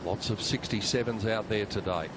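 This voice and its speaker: A man's voice: lowish voice, moderate pace. A man working as a golf commentator, calling live tournament play for television. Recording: clear outdoor course ambience noise. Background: outdoor ambience.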